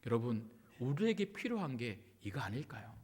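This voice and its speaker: A man giving a Sunday sermon as senior pastor, pressing hard on some words and dropping to a hushed voice on others. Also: mid-range voice, big pitch swings, normal speed, breathy edge. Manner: emphatic preaching that swings between loud stresses and soft hushed passages.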